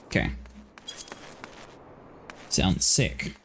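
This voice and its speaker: A man's voice: extremely slow, slight background noise. A man hosting a livestream, chatting casually about a game, laughing often and filling his talk with "like". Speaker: livestream host. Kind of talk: casual gaming chat.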